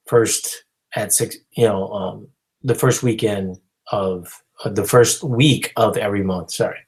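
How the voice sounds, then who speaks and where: A man's voice: medium pitch, poor audio. A man, a company founder, making a casual spoken announcement to his followers, rambling with many fillers and restarts. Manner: rambling, full of "you know" and restarts.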